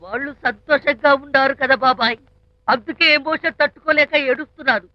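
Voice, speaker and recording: A man's voice: extremely high pitch, fairly quick. A man playing a meddling comic friend who theatrically recalls old troubles in a comedy film. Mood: teasing. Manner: chatty, theatrical, mock-emotional. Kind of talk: 1990s comedy film dialogue. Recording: muffled film soundtrack with music.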